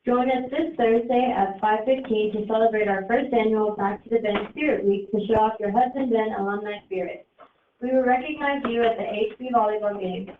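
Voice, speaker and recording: Woman on a school intercom, cheerful announcements, fairly high voice, far off and echoey, tinny. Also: normal speed, slight background noise. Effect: heard over a school intercom. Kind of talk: reading upbeat school announcements.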